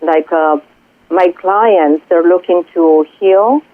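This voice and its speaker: Heard through a tinny, dry phone line with no echo, this fairly low-pitched woman is a guest on a radio interview. She's a Greek spiritual coach and Reiki healer with a Greek accent, talking earnestly and haltingly with many pauses and fillers.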